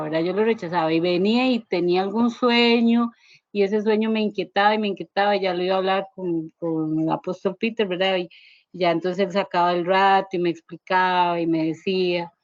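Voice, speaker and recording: A woman's voice: fairly low pitch, no room sound, highs cut off. A woman sharing a personal church testimony in a class, telling it in a rambling way with constant tag questions.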